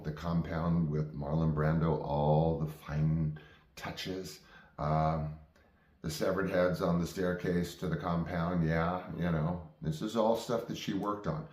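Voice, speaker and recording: Very low-voiced man, halting and roomy. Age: 50s. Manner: halting, digressive. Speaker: vlog host telling personal stories. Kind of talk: casual reminiscing monologue. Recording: roomy, echoing sound.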